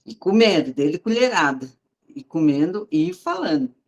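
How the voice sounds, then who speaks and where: Woman, deep-ish voice, heartfelt testimony, talks right to the crowd like a friend. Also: big pitch swings, normal speed, dull audio. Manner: heartfelt, conversational storytelling, addresses listeners directly. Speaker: testimony speaker. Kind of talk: personal faith testimony.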